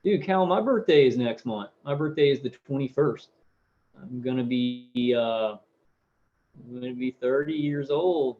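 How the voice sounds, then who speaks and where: Guy in his 30s doing a live stream, rambly, keeps repeating himself, mid pitch, kinda dull muffled audio. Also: unhurried. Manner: rambling, repeats words, many fillers. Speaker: live stream host reading viewer comments. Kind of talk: casual live-stream chat.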